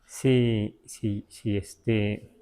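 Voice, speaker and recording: A man with a Mexican Spanish accent teaching a language class, halting with many fillers and spelling words out syllable by syllable. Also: lowish voice, flat delivery, dark tone, clean tone. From Huasteca, Mexico. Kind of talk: live class explanation.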